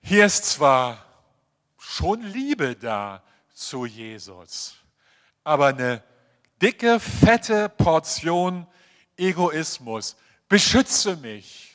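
A male preacher with a fairly high voice and an unhurried delivery. He speaks in a sermon style, acting out quoted voices and moving between emphatic passages and quiet, confiding asides. The sound carries a long reverb from a large church space. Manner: animated, acts out quoted voices.

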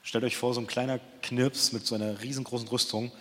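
A man's voice: mid-range voice, little pitch movement, fairly quick, fairly bright tone. A young man giving a casual, chatty sermon, retelling a Bible story and acting out the quotes in slang. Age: young adult. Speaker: preacher. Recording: long hall reverb.

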